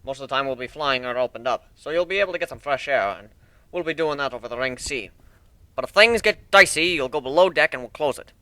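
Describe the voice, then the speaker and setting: A man reads dramatic fan fiction, voicing a brash, folksy minotaur who builds airships and is boastful and hearty; here he sounds brisk and instructive. He talks fast in a mid-range voice, pushed and bright, lightly acted with no echo.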